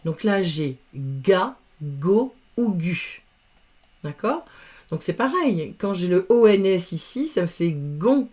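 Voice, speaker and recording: A woman's voice: on the low side, big pitch swings, takes it slowly, a little mellow. A woman teaching verb conjugation in a patient, careful lesson, spelling out letters and sounds one by one. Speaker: French grammar teacher. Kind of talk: slow, careful grammar lesson.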